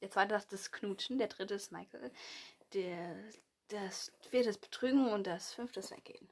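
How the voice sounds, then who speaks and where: A woman co-hosting a podcast with a husky, breathy voice. She is giggly and reads her notes out playfully in a relaxed chat. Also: medium pitch, moderate pace. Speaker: podcast co-host. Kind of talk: casual chat.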